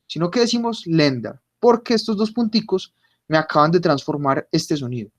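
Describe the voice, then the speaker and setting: A teacher, patiently explaining German pronunciation in an online class and repeating words for the students. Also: mid-range voice. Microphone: computer mic on a video call.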